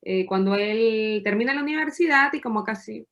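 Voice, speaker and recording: A woman's voice: a little high, brisk, muffled recording. Chatty Peruvian woman in her thirties. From Peru. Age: 30s. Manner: lively, chatty, laughs while telling her story. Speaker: podcast guest. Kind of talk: casual interview storytelling.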